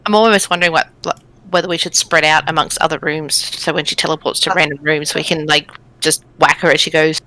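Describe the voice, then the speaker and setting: A man with a bright, forceful voice plays in a tabletop session. He talks quickly and jokingly as he plans his character's moves. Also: a little high, fairly even intonation, rough recording. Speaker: player. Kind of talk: casual tabletop game chat.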